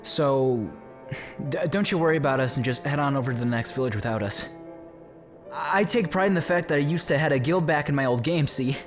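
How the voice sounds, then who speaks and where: A man's voice: mid-range voice, fairly quick, faint music behind, close to an everyday voice. A man voicing a loyal, laid-back young gamer buddy in an anime fan dub, with slangy, stammering, casual delivery. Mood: apologetic, reassuring.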